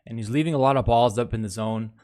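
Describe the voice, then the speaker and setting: A man with a medium-pitched, darkish voice talks fast as he gives a casual, heavily profane recap of a baseball series. He's a fan commentator speaking over game footage and reviewing the plays.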